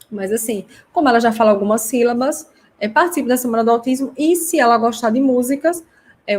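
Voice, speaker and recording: Casting note: woman, somewhat high voice, chatty live-class host answering viewers. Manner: chatty, explanatory, reads comments aloud. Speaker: host teaching parents.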